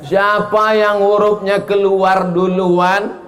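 A man preacher giving a humorous religious lecture, animated and joking, often slipping into chuckles. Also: high-pitched, slow, heavy background noise. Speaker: Islamic preacher.

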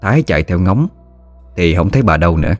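A man's voice: sits low, lively intonation, fast talker, no room sound, faint music behind. A man with a Southern Vietnamese accent narrating a ghost story steadily.

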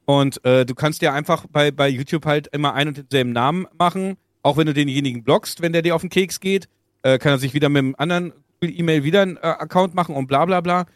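A man co-hosting a podcast, chatting casually about streaming, speaking haltingly with many restarts. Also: on the high side, steady tone, no echo, studio quality. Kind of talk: casual chat.

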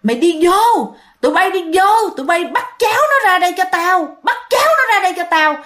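A woman's voice: very high voice, lively intonation, fairly quick, a bit bright, voice pushed up. A woman voicing an angry male ghost who barks harsh orders. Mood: angry commanding. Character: furious commanding male ghost, older man.

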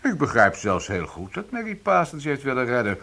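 An actor playing a smug police officer who taunts a suspect in a radio play. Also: male voice, mid-range voice, sing-song, brisk, creaky, pushed and bright, slight background noise, heavily acted. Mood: taunting. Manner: sarcastic, taunting.

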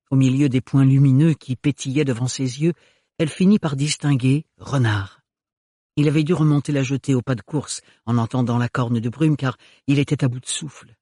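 A man narrating a novel in a steady, measured way. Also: mid-range voice, husky, no room sound, studio quality. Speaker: audiobook narrator. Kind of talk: scripted narration.

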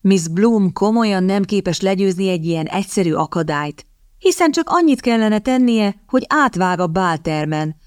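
A woman narrating an audiobook in a measured, expressive reading style. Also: mid-range voice, no echo, studio quality. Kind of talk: scripted narration.

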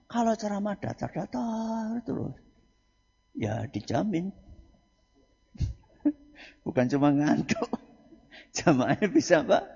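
A male Islamic preacher, giving a lecture, quizzing his audience and answering himself, dropping quiet then rising loud for emphasis. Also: mid-range voice, vocal fry, slightly rough. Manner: asks the audience questions and answers them himself. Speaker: Islamic preacher teaching a book study. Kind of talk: religious lecture. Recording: muffled hall recording.

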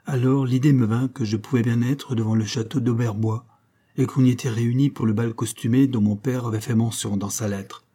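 A man reading a classic story aloud in a measured, even narrating manner. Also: mid-range voice. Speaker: audiobook reader. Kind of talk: scripted literary narration.

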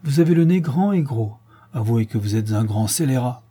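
A man's voice: medium pitch, lively intonation, normal speed, warm tone, breathy edge. A man voicing a showy, teasing male painter who speaks with mock gravity and delights in mocking others.

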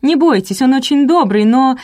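A woman voicing an excitable young woman who chatters fast in a ringing soprano. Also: mid-range voice, close to an everyday voice. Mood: flustered. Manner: rapid chatter. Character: chattering young woman, excitable, fussing over her dog.

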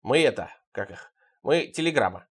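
A man's voice: mid-range voice, lively intonation, moderate pace, breathy edge. A man reading an audiobook, voicing a rude, dim-witted mafia thug who keeps fumbling for words. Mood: gruff, fumbling.

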